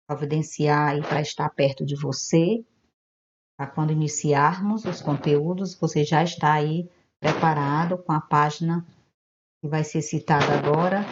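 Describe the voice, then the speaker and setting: A woman teaching an online lesson to primary school children, patient and gentle, explaining step by step. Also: sits low, noisy background. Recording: dull lo-fi home video audio.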